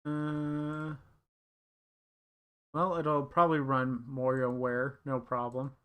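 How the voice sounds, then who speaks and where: A man's voice: medium pitch, little pitch movement, slow pace, a bit bright, clean tone. A young man chatting casually on a live stream, thinking aloud and rambling with lots of fillers.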